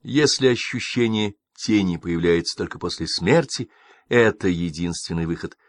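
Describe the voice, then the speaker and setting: A man reading an audiobook, voicing a detached young woman who speaks flatly. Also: deep voice, normal speed, no room sound, lightly acted. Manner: flat and detached. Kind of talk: audiobook character voice.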